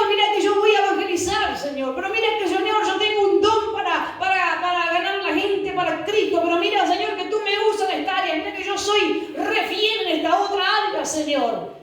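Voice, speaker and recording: A woman's voice: very high voice, fairly bright tone, voice pushed up. A woman preacher voicing King Saul as a man pleading and boasting of his service, in a self-justifying whine. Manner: self-justifying, whiny insistence. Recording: echoey church hall from far off.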